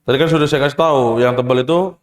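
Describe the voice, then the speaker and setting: A man's voice: medium pitch, quick pace. A man teaching Quran recitation, asking the class questions, demonstrating sounds, adding casual jokes. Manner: casual, joking asides. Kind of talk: tajwid lesson to students. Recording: echoey hall with long reverb.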